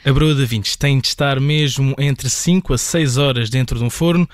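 A man, a radio reporter reading scripted narration in a measured way. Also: medium pitch, dry recording, studio quality.

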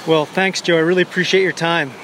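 A man's voice: on the high side, fairly even intonation, fast talker, fairly bright tone. A man asking questions as the interviewer in a field news interview. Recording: noisy outdoor recording, off-mic.

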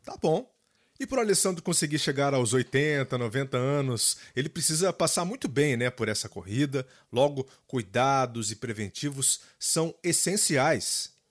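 A man's voice: mid-range voice, lively intonation, normal speed. A man with a Brazilian Portuguese accent hosting a podcast, narrating in an upbeat, announcer-like way. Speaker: podcast host. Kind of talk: scripted narration.

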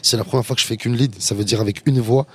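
A man with a husky, slightly breathy voice talks fast and loosely as a rapper being interviewed. He repeats words and keeps dropping in "you see" and slang as he goes. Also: mid-range voice, fairly even intonation, a little mellow. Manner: fast, loose street slang, many restarts and "tu vois". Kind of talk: casual interview chat.

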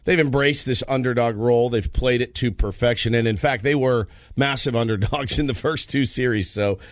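A man's voice: medium pitch, normal speed, no room sound. American man in dry, casual sports talk. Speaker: sports radio co-host. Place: radio studio.

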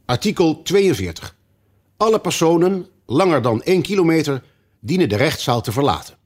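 Man reading as a blustering storybook king, husky, pitched up from the narrator, pompous and hasty. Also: very animated, normal speed. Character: pompous, flustered old king presiding over a court.

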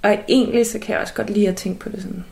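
A woman's voice: mid-range voice, fairly even intonation, vocal fry, darkish tone. A woman speaking reflectively in an interview, thoughtful and a little hesitant.

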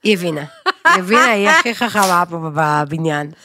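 A woman co-hosting a podcast, talking frankly in casual chat, mocking herself and launching into animated rants. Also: on the low side, background noise. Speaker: podcast co-host. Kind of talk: candid conversational podcast chat.

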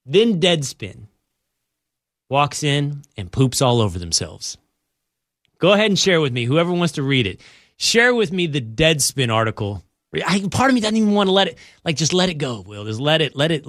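A male talk show host on sports radio who rants with mock outrage and heavy sarcasm. His voice sits a little high and swings all over the place. The sound is dry and close. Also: normal speed, pauses often, dry recording. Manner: mocking, animated, with mock-outraged outbursts.

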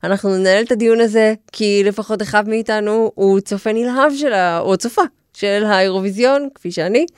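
A woman's voice: medium pitch, hardly any pauses, clear, resonant tone, no room sound, studio quality. A woman with an Israeli accent hosting a talk show in casual banter, with playfully theatrical phrasing.

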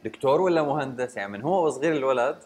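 A man's voice: mid-range voice, expressive, racing, darkish tone. A man with a Levantine Arabic accent hosting an interview in a casual, conversational way. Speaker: interviewer, host.

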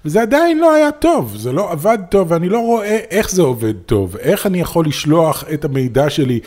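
A man's voice: on the high side, big pitch swings, darkish tone. A man with an Israeli accent co-hosting a casual discussion and explaining his opinions in a skeptical way. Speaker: podcast co-host.

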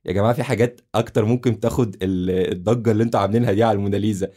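A man's voice: fairly low pitch, steady tone, very fast, mellow, husky. A man in his twenties with an Egyptian Arabic accent, casually telling stories as a podcast guest. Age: 20s. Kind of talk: casual conversational storytelling.

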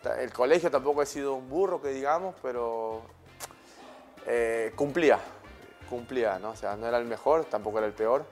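A man in his thirties with a Peruvian Spanish accent, a guest telling stories in a relaxed, slangy way, often tagging his sentences with questions. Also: medium pitch, normal speed, soft background music. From Peru. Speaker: guest, former footballer. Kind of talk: casual interview storytelling.

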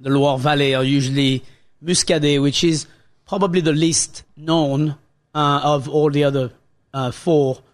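French chef with a fairly high voice. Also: male voice, fairly even intonation, unhurried. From France. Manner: restarts, explains cooking step by step. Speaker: chef and radio co-host. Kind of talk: casual radio chat.

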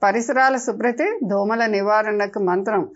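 A woman's voice: mid-range voice, unhurried, muffled recording, lightly acted. A woman voicing a swarm of cheeky mosquitoes that scold and lecture in a storybook tale. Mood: lecturing.

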